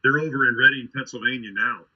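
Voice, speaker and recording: A man from Ohio, telling stories in a casual podcast chat, full of fillers and quick laughs. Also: mid-range voice, fairly even intonation, breathy edge. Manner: storytelling with many fillers and restarts, laughing. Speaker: podcast co-host. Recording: dull lo-fi sound.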